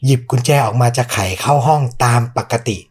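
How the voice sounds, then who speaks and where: A man's voice: mid-range voice, brisk, a little mellow, husky. A man hosting a podcast, telling a true ghost story in a suspenseful, conversational way. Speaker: podcast host.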